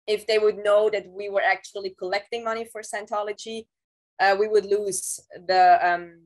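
A woman in her thirties, an interview guest, recounting her past in a casual, halting way with many restarts, speaking over a video call from a room at home. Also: mid-range voice, level tone, low-quality recording. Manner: halting, with frequent restarts and "um" fillers. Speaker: interview guest, former Scientology staff member. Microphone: video call, laptop camera mic.

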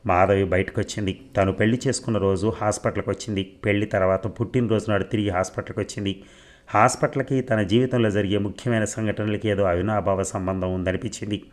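A man narrating a novel serial as an audiobook in a steady storytelling delivery. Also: fairly low pitch, fast.

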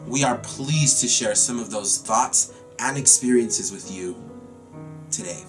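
A man's voice: medium pitch, unhurried, music in the background. A young man reading a formal, scripted introduction for a university choir program, recorded at home on a webcam. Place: small room at home.

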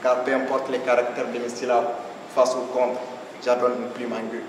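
A man's voice: medium pitch, flat delivery, normal speed, a little hiss or hum. Slam poet, man, Nigerien French accent, emphatic rhythmic delivery, distant echoey hall sound. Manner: rhythmic, declamatory, emphatic cadence. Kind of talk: slam poetry performance. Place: stage at an evening show.

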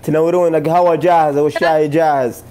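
A man's voice: on the high side, fairly even intonation, quick pace, mellow, clear, resonant tone. A man in his thirties with a Gulf Arabic accent, chatting casually as a co-host on a group live stream. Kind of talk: casual chat. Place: indoor sitting room. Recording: faint background noise, live-stream call audio.

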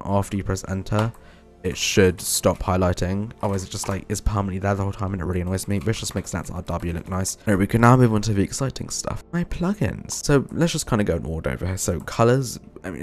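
A young man casually walking through his setup on a screen recording, chatty, with quick asides and self-corrections. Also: sits low. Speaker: programming YouTuber.

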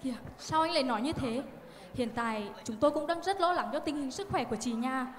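A woman's voice: sits high, fast, natural voice. A woman playing a polite but firm nurse in an amateur stage drama. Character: dutiful young female nurse. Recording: reverberant hall.

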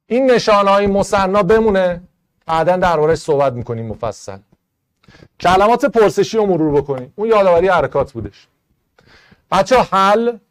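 A man teaching an online Arabic grammar class in Persian, going briskly through test answers and rules, step by step. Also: a little high. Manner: brisk, explaining step by step to students.

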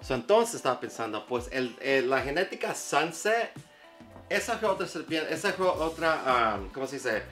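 Excited man in an echoey room. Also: medium pitch, moderate pace, soft background music. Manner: excited, mixes English fillers into Spanish. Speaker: reptile breeder and YouTuber. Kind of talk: casual vlog talk to camera.

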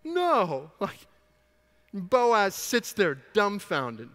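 A man preaching a sermon, animated, swinging from hushed to loud and acting out the dialogue. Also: sits high, extremely slow, long reverb tail. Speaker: pastor.

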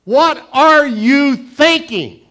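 An older man preaching, acting out God as a stern, exasperated figure who scolds a prophet in a loud, high, shouted voice. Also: expressive, drawn-out words, heavily acted. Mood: scolding.

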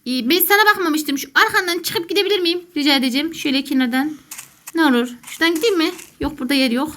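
A woman's voice: high-pitched, fast talker, fairly bright tone. A woman doing jokey, panicky let's play commentary as a gaming YouTuber who calls herself a gamer mom.

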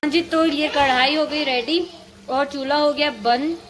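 A Pakistani woman vlogs on her phone, first in her home kitchen and then in a car at night, chatting and teasing and laughing often. Her high, fairly bright voice keeps a steady tone at normal speed, and the rough recording has slight background noise.

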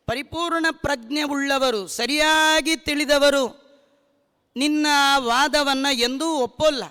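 Man from bangalore preaching scripture, really high bright voice, reverb from the hall. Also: clean tone. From Bangalore, India. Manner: preaching, quotes Sanskrit verses. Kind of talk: religious discourse.

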